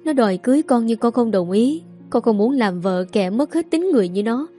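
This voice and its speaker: A woman's voice: a little high, expressive, fairly quick, mellow, soft background music. A woman voicing a pleading, frightened young woman. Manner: pleading, anxious. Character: frightened young woman student, pregnant, tearful.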